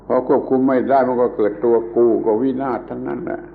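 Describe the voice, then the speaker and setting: A man's voice: medium pitch, little pitch movement, quick pace, creaky, a little hiss or hum. A man giving a plain, emphatic Buddhist Dhamma talk, repeating his points as he teaches. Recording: phone-like old tape recording.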